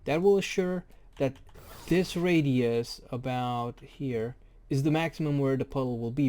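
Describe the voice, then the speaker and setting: A man talks through a game boss mechanic in a loose, casual tutorial. His voice is mellow and warm, and he rambles, cracks small jokes and corrects himself as he goes. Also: mid-range voice. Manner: rambling, jokey, self-correcting. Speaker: game guide creator.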